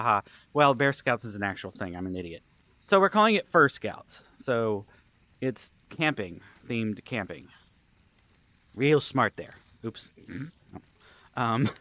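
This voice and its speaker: This man, a vlogger who also organizes camp events, has a medium-pitched, bright voice with a forceful tone, captured in a dry recording. He tells rambling, casual vlog-style stories, joking and poking fun at himself.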